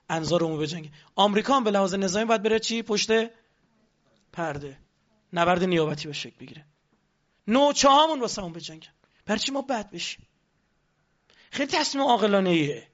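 A man's voice: high voice, a bit bright, lo-fi sound. A man giving a lecture on politics, addressing the audience with rhetorical questions.

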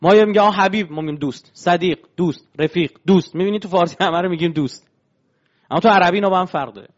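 A man's voice: high-pitched, highs cut off. A man giving a religious lecture, explaining step by step and asking his listeners rhetorical questions.

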